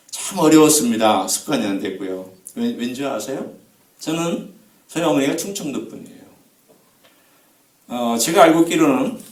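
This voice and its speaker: A male preacher in his fifties delivers a revival sermon in a church sanctuary, his voice swooping up and down as he tells personal stories with emphasis. He sits a little high for a man, and the mic catches him from some distance, so the hall's echo rings around every phrase. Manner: emphatic personal storytelling to a congregation. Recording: echoey church hall, voice from a distance.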